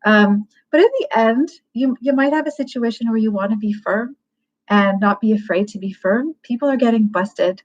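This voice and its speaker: A woman's voice: a little high, normal speed, a little hiss or hum. Frank woman thinking aloud, lo-fi sound. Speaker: livecast host giving advice. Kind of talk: casual spoken advice. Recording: dull lo-fi livecast audio.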